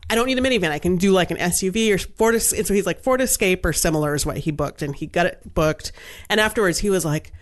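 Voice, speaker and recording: A woman with a somewhat low voice co-hosts a casual podcast. She tells her stories in an animated, chatty way, acting out what everyone said along the way. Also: fast. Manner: chatty, animated retelling with quoted dialogue and frequent "like". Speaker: podcast co-host. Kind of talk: casual storytelling chat.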